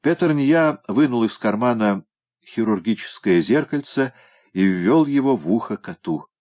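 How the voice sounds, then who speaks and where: A man narrating a story in an even, measured reading voice. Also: medium pitch. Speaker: reader. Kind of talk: audiobook narration.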